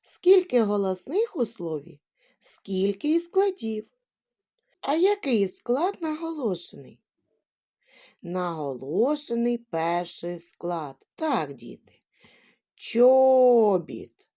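A woman gives a children's lesson in a gentle, sing-song way. Her voice is mellow and warm, and her pitch swoops up and down a lot. She takes her time over every word. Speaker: teacher.

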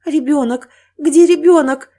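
A woman's voice: a little high, steady tone, normal speed, darkish tone, breathy edge. A woman narrator voicing a frightened, hurt young pregnant woman who pleads breathlessly in an audiobook. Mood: weak, fearful.

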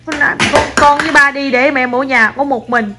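A woman's voice: high-pitched, steady tone, normal speed. A young mother in casual family chat, teasing her child with mock sadness. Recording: noisy home video.

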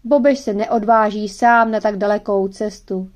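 A woman narrating a children's audiobook in a gentle, measured storytelling manner. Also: mid-range voice, fairly even intonation.

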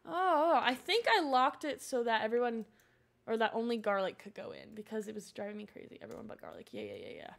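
Excitable young woman streaming a game. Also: on the high side, a little fast, creaky. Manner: chatty and excitable, reading chat aloud. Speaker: Twitch streamer. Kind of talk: casual gameplay streaming chat.

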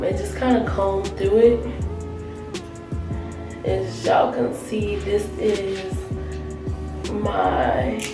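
A young woman who sounds under the weather, chatting casually and informally to the camera in a hair tutorial. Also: mid-range voice. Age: young adult. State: sick, with an affected voice. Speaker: natural hair vlogger. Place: small tiled home bathroom, indoors. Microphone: camera mic a short distance away. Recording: echoey bathroom, distant mic, music behind.

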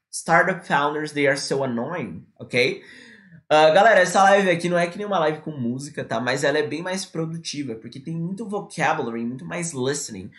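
A man teaching English on a live stream, dropping into slow, careful English for his examples. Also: on the high side, a bit bright.

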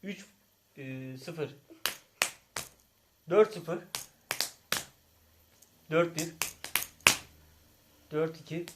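A man's voice: a little high, very slow, long pauses, very noisy. A man, a father hosting a casual family vlog, teasing playfully and calling out game scores with bursts of laughter. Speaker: father and channel host.

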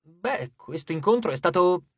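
A kind-hearted teenage demigod girl, read by an audiobook narrator, soft-spoken and caring. Her voice carries steady concern. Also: medium pitch, moderate pace, husky, dry recording, studio quality.

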